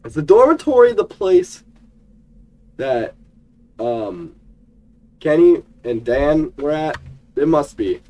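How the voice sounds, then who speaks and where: Excitable young man playing a game. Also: on the high side, takes it slowly, long pauses, rough recording. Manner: excitable, jokey, talks to game characters. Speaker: gaming YouTuber. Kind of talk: let's play commentary.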